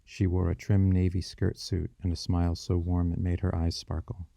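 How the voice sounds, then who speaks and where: Deep gravelly male audiobook narrator. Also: completely flat delivery, warm tone, no room sound, clean studio sound. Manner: measured, descriptive storytelling.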